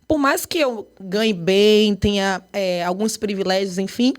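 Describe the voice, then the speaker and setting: A woman from Bahia with a Bahian Portuguese accent, a dance choreographer and artistic director speaking in a podcast interview with animated emphasis. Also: medium pitch, measured pace. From Brazil, Bahia. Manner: animated, emphatic, lively storytelling.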